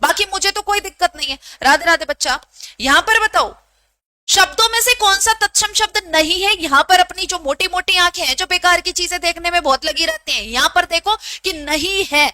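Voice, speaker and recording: Her voice is very high and bright as this Hindi teacher briskly conducts a live online exam-prep session, teasingly scolding students and echoing each question back. The audio is close-miked and dry, with no room sound.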